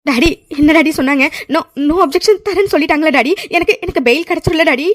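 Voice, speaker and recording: A woman's voice: sits high, fast talker, a little hiss or hum, lightly acted. A woman voicing a spoiled young woman in a cartoon, whiny and tearful as she pleads with her father. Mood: pleading. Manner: whiny pleading, keeps saying daddy. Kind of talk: cartoon voice acting.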